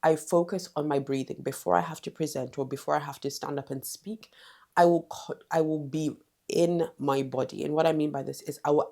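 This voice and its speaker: A woman's voice: deep voice, gravelly, warm tone. A woman giving direct, emphatic confidence advice in a vlog, repeating short commands. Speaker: confidence coach.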